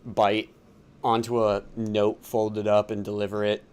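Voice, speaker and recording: A man's voice: on the low side, completely flat delivery, unhurried, darkish tone, clean tone. A man running a tabletop game as game master, talking casually with lots of fillers and laughs. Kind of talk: narrating a tabletop game on a livestream.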